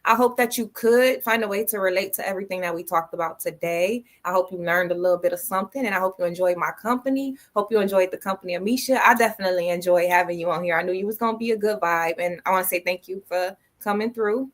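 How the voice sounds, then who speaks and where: A woman's voice: mid-range voice, fast talker, hardly any pauses. Playful slangy woman hosting a podcast. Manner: loose, playful, slangy, swears freely. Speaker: podcast host. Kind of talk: casual podcast chat.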